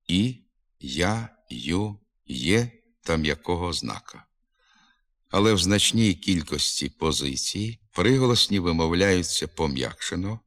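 A man giving a scripted phonetics lesson, slowly sounding out example words with careful, deliberate pronunciation. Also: deep voice. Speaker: language teacher.

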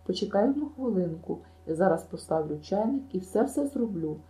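A woman's voice: medium pitch, lively intonation, brisk, mellow, roomy sound, natural voice, poor audio. A woman reading an audiobook, voicing a chatty, imaginative girl who tells her misadventures in a gushing rush. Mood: pleading. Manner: breathless, gushing storytelling.

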